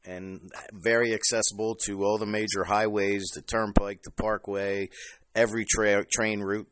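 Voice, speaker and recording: A man hosting a phone interview for his podcast, chatting easily and often stopping to restart his sentences. His voice sits a bit low, and the recording is dry with no room sound. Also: little pitch movement, fairly bright tone, no echo. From New Jersey. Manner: chatty, halting with fillers and restarts. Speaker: podcast host.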